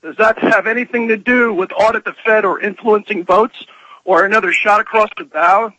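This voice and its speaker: A male radio caller asks his question politely and a little tentatively. His voice is very high for a man, raspy and bright, with a dry, close sound. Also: steady tone, normal speed, dry recording, low-quality recording. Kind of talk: call-in question.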